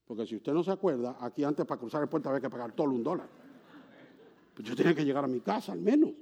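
Warm, animated Spanish-speaking pastor man. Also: medium pitch, quick pace, creaky, breathy edge. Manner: animated storytelling, acts out dialogue, laughs. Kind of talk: sermon with personal anecdote.

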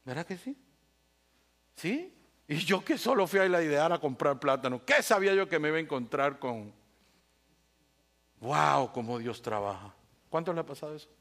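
A man preaching a sermon as pastor, swinging between loud bursts and hushed asides, with playful humor. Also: on the high side, expressive, moderate pace, long pauses.

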